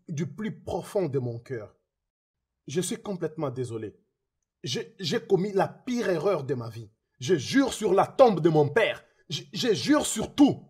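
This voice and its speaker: An actor dubbing a remorseful man in French, pleading over and over for forgiveness with a husky voice. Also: fairly high pitch, a little mellow, full character voice. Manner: pleading, repeating himself. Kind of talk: French film dub.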